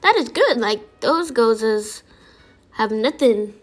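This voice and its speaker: A woman doing a casual food-review voiceover, excitable and gushing over the food, with music behind her. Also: a little high, slow pace.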